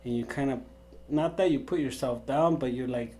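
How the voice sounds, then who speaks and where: A man of middle pitch talks casually on a podcast, joking one moment and earnest the next. He throws in Spanish exclamations, with a faint hum in the background. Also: moderate pace, warm tone. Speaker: podcast co-host.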